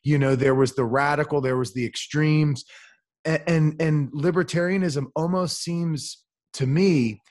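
A man co-hosting a casual political podcast, explaining his points in a measured way with fillers. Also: a little high, fairly even intonation, darkish tone. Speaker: podcast co-host.

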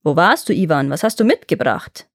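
A woman voicing a greedy rich brother in a fairy tale reading, with a lower, gruff and wheedling voice. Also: sing-song, a little fast, dry recording, clean studio sound.

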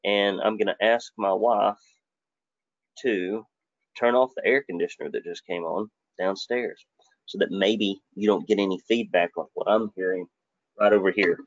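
A man's voice: on the low side, steady tone, moderate pace, no room sound. A man, giving a live webinar presentation in a folksy, joking, conversational way. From Alabama, US. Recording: dry, dull lo-fi webinar audio.

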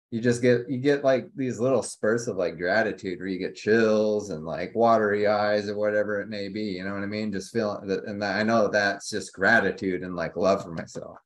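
A man in his forties, a podcast guest on a video call, talking in a loose, profane way full of fillers. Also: lowish voice. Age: 40s. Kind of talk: casual conversation.

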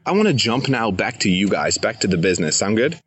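A man's voice: on the low side, sing-song, quick pace, fairly bright tone, breathy edge, no echo, highs cut off, soft background music. A young adult man hosting a podcast interview, enthusiastic and eager to give advice. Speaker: podcast host. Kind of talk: casual interview. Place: living in Thailand, jungle sounds around.

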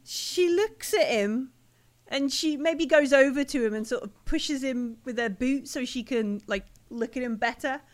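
A woman narrating as game master of a tabletop role-playing game, in a relaxed way with fillers. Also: high voice, a little slow.

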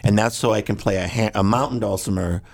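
A man's voice: fairly low pitch, fairly even intonation, fast talker. A man who is a guest musician, explaining his pedal setup at length, rambling and technical, sometimes sounding out rhythms with syllables. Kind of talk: detailed gear explanation.

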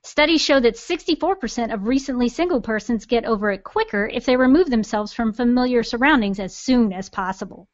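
A woman's voice: fairly high pitch, animated, brisk, hardly any pauses, lo-fi sound, close to an everyday voice. A woman voicing a snarky female smartphone assistant with a nasal voice and plenty of attitude, in an audio drama. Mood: chirpy.

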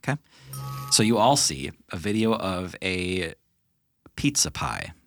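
Deep-voiced male game master. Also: unhurried, dry recording, studio quality, soft background music. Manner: relaxed, chatty narration with fillers. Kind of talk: narrating a tabletop game.

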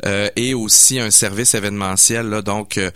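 Here the same kind of guest appears: a Québécois mixologist in his forties, originally from Quebec City, chatting eagerly on a relaxed radio show and filling gaps with lots of hesitations. His fairly low voice keeps a steady tone at a moderate pace, sharp and clean. It's recorded dry on a studio microphone.

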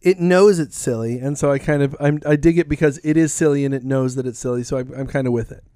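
A man co-hosting a podcast, joking and rambling in casual banter and slipping into quick impressions. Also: medium pitch, mellow, dry recording, clean studio sound. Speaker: podcast co-host.

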